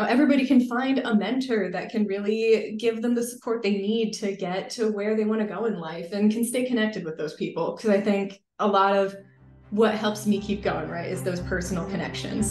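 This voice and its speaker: Over a video call with roomy audio, a graduate student in her twenties answers interview questions as a guest, earnest and lively with many fillers. Her voice is medium in pitch.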